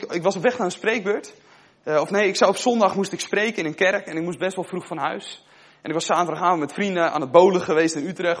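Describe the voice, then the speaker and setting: A young preacher with a somewhat high voice and a breathy edge delivers a conversational sermon. He asks his listeners questions and shares a personal story.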